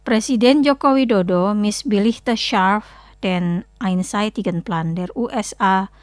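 Slow, measured woman reading news. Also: medium pitch, no room sound, clean studio sound. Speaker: news presenter. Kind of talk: read news bulletin.

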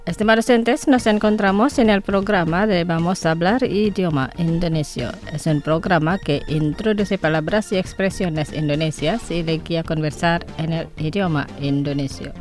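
A woman hosting a radio language lesson, speaking slowly and carefully and repeating each word twice for listeners. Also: fairly low pitch, darkish tone, soft background music.

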